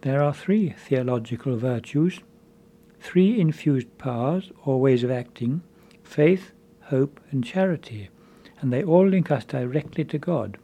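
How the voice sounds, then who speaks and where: A man giving a measured, earnest spiritual conference talk as a preacher. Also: medium pitch, expressive, warm tone, husky.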